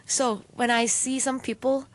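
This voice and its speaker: Young woman, kinda high voice, short simple answers. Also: steady tone, a little slow, rough recording. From Hong Kong. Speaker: guest athlete and dance coach. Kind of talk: casual interview answers.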